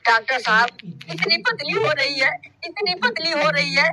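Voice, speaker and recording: A man's voice: extremely high pitch, very animated, moderate pace, music in the background. A man voicing a panicked male patient who pleads urgently with his doctor. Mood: pleading.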